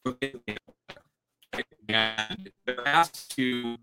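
A man's voice: medium pitch, very slow, over music. A man hosting a live stream in casual conversation over a video call. His audio keeps breaking up and cutting out, and he rambles and restarts his sentences. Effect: choppy video call audio breaking up.

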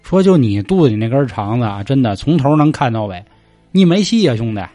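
A blunt, hard-drinking judge of the underworld, put on by a man, speaking a little lower than the storyteller's own voice. He swears freely and talks to his friend with rough brotherly banter. The voice sounds close and dry, with faint music behind. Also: very animated, brisk, mellow, no echo, close to an everyday voice. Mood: jovial.

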